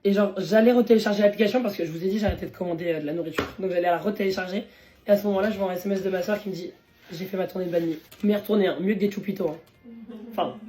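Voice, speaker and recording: Young woman vlogger, hoarse voice, quick and chatty, slangy, mellow low-toned timbre, casual phone-to-camera delivery. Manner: chatty, slangy, laughs often. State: hoarse, voice worn from talking. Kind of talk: casual chatty food vlog.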